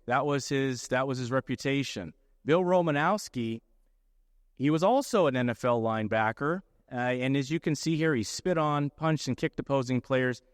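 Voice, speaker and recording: A man's voice: mid-range voice, no room sound, clean studio sound. A middle-aged man presenting to a room of lawyers, explaining points and checking in with his listeners as he goes. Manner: explanatory, often checks in with "okay?". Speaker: lawyer giving a talk. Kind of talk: conference presentation.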